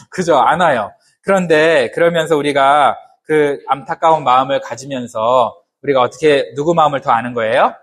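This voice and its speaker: Conversational Korean pastor preaching. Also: male voice, a little high, a little hiss or hum. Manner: conversational, asks the congregation questions; humorous asides. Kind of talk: sermon.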